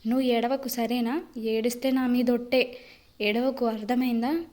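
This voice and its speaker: A doting young husband who coaxes and reassures in a soft, affectionate tone, as a woman narrator reads him. The voice stays high, the way a single reader carries every part of a romance story. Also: flat delivery, normal speed, close to an everyday voice. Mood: tender. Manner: soothing, affectionate delivery. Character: young husband, tender and coaxing, gently teasing. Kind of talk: audiobook character reading.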